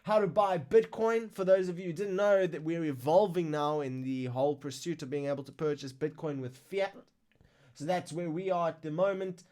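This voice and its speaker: A man hosting a live crypto news stream, reading market figures in a casual, excitable way while fighting the hiccups. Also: fairly high pitch, moderate pace. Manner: excitable, exclaims over numbers.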